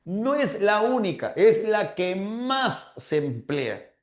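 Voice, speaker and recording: Slow-talking teacher in an echoey room. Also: male voice, high voice, very animated. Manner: slow, stretched-out dictation of verses, mimics confused students. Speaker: literature teacher. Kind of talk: online class lecture.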